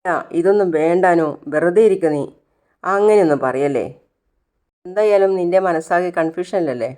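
A woman's voice: sits low, dark tone. A woman narrating a recap of a TV serial, acting out the characters' lines as she tells the story. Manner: retells scenes, acting out each character's lines.

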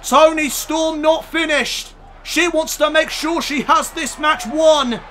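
A man shouting excitable wrestling play-by-play commentary over a video game, straining his voice as he goes. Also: very high voice, takes it slowly, slight background noise. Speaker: YouTube gaming commentator.

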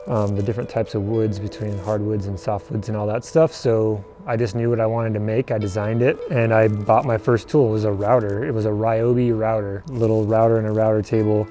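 A man in his thirties, a furniture maker and company founder, telling his own story to camera in a relaxed, reflective way, with fillers and restarts, standing outdoors in front of a building. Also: on the low side.

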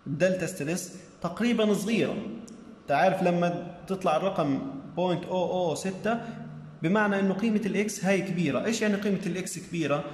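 A man's voice: sits high, darkish tone. A man giving a recorded engineering lecture, explaining step by step and checking that students follow. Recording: echoey room with long reverb.

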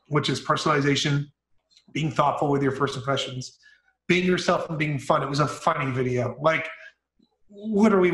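A man with a somewhat high voice tells an eager business story in a relaxed interview, with casual fillers. He speaks over a video call, and the room around him adds a clear echo. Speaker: interview guest, marketing executive.

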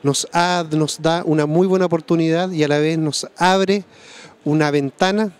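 A man giving a formal, somewhat halting interview statement as a school official. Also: fairly high pitch, steady tone, clean tone.

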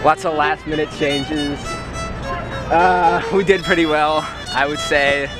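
A teenage boy speaks very slowly and hesitantly outdoors, pausing often. Music plays clearly underneath. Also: on the high side, fairly even intonation, rough recording. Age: teens. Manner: hesitant, lots of uhs. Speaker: student boat builder. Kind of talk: casual interview.

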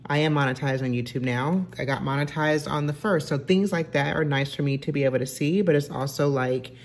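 Middle-aged woman, low-pitched, relaxed home vlogger talking to a table camera. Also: brisk. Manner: chatty, self-correcting, many fillers. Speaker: lifestyle vlogger. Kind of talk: casual vlog chat. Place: home dining room, indoors.

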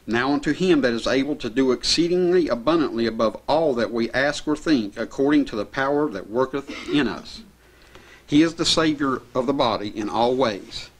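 A middle-aged man delivers a sermon from behind a pulpit microphone in a small chapel. He reads scripture passages in an earnest, steady manner and explains them at an even, measured pace. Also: mid-range voice. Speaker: preacher. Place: small church chapel indoors. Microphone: pulpit mic.

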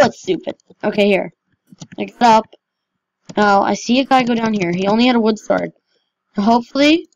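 A woman's voice: on the high side, no echo, rough recording. A woman giving casual, chatty and self-mocking commentary over her own gameplay as a gaming channel host.

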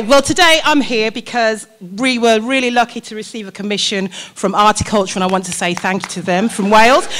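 A woman chef and performer pitching her show at an arts conference in a playful, theatrical way, with laughter. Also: a bit bright.

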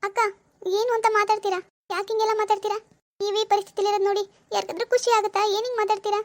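A woman voicing a gentle, patient young woman who pleads politely in an animated village drama. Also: very high-pitched, rapid-fire, voice pushed up. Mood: pleading.

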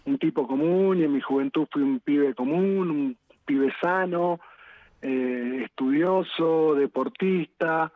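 An Argentine man being interviewed on a news programme, distressed, halting and pleading, repeating himself. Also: on the high side, no room sound. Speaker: politician interviewed as a guest. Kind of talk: live news phone interview. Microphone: phone call. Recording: tinny phone line.

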